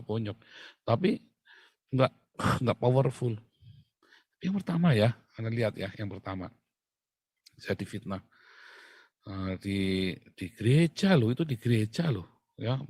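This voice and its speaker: A middle-aged male pastor tells a personal testimony from the pulpit. He talks in bursts, rising and chuckling as he goes. His voice is mid-pitched, and the recording is dry with no room echo. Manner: animated storytelling with laughs. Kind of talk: sermon testimony.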